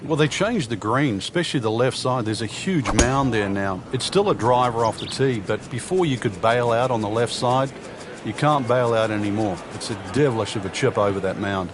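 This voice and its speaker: A man's voice: mid-range voice, expressive, moderate pace, background noise, lightly acted. A man giving informal, conversational golf analysis as a colour commentator, with clipped asides and advice.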